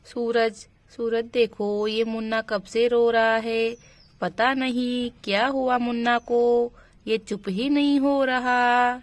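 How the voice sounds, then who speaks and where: A woman's voice: fairly high pitch, flat delivery, slow, dry recording. A woman voicing a worried young village mother in a doll storybook, anxious and pleading.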